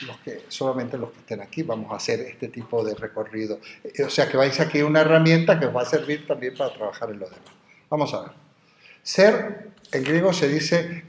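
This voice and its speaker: A man gives a university philosophy lecture, wandering into asides as he explains Greek terms. His voice sits at an ordinary middle pitch, and it carries a noticeable room echo the classroom. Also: a little hiss or hum. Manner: digressive, explains Greek terms slowly, spells words out.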